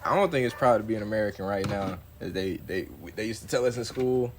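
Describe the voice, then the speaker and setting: A man's voice: fairly low pitch, fast talker. A man in his early twenties co-hosting a podcast, chatting casually in slang, saying "bro" constantly and laughing often. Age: 20s. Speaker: podcast co-host. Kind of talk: casual chat. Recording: noisy background.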